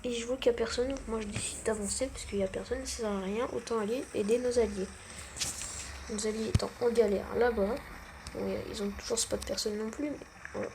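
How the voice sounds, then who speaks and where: A woman's voice: on the high side, fairly even intonation, fairly quick, noisy background. A young woman giving casual, self-mocking gameplay commentary, full of gamer slang. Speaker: gaming channel host.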